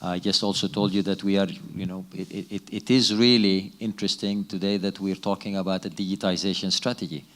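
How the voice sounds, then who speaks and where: Measured low-voiced man from Sudan. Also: fairly even intonation. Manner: measured, with frequent restarts and hesitations. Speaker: business executive, keynote guest. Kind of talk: fireside chat Q&A answers.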